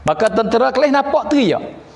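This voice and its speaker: A man with a Patani Malay accent preaching a storytelling sermon, animated and returning to a short low refrain. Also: brisk. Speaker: religious preacher. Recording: echoey hall reverb.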